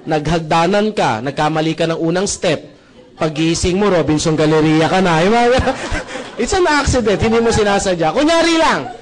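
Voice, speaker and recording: A man's voice: sits high, animated, moderate pace. A man presenting membership benefits to a live audience in a joking sales talk, often checking in with the crowd with rhetorical questions. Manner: jokey, with frequent rhetorical "tama ba?" checks; addresses the audience as brothers and sisters.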